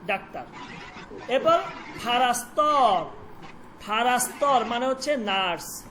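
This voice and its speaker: A Persian teacher who repeats words slowly for pronunciation and quizzes the students. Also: medium pitch, animated, sharp tone, slight background noise, low-quality recording. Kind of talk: online language lesson.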